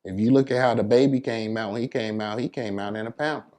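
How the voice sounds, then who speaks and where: Talking fast with fairly even intonation, this DJ from New York City has a slightly mellow, mid-range voice. In a relaxed interview he pushes his advice hard in slangy, informal speech.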